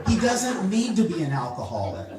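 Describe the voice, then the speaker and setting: A man performing a comedic spoken-word piece at a poetry slam, mocking and exasperated, breaking into shouted impressions. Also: sits high, huge pitch swings, moderate pace, far from the mic, crowd noise. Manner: exasperated, mocking, acts out quoted lines with shouts. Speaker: slam poet. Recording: echoey room recorded from afar.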